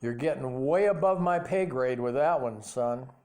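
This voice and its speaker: An older man reading a memoir voices a weary father who speaks low and gently to his son. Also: normal speed, lightly acted. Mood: wry. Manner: hushed, low and kindly.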